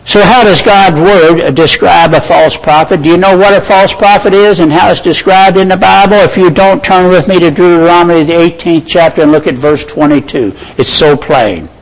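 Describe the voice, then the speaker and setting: Male preacher with a high voice, measured sermon delivery, reads scripture aloud and calls his listeners brethren and friends. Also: low-quality recording.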